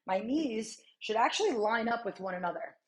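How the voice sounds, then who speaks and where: A woman's voice: a little high, expressive, moderate pace. A woman in her thirties coaching a strength workout while exercising, chatty and encouraging, with sighs and short breaths between cues. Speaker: fitness coach.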